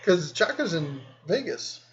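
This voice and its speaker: A man's voice: high voice, sing-song, measured pace, lo-fi sound, a little hiss or hum. Easygoing man reading viewer comments. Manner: easygoing, rambling, reads comments aloud. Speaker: host. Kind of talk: live-stream chat reading viewer comments.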